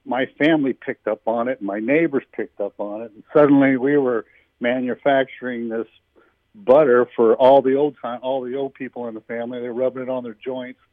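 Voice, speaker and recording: A man's voice: medium pitch, fairly even intonation, brisk, dry recording. Older man, plain chatty telling, dry phone-line sound. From Missouri. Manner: plain, conversational, frequent "uh" and "you know". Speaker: interviewee, army veteran. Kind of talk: recorded interview clip.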